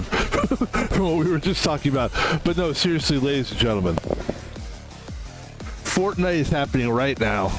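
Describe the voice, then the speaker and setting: A man's voice: mid-range voice, low-quality recording. A man in his fifties chatting casually as a game streamer, rambling and interrupting himself. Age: 50s. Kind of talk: casual gaming stream chat.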